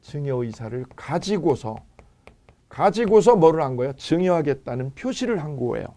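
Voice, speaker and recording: A male law lecturer with a slightly high, mellow voice that rises and falls widely. He keeps quizzing his students with rhetorical questions. He repeats each key phrase as he drives the point home. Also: big pitch swings, moderate pace. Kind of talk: exam-prep lecture.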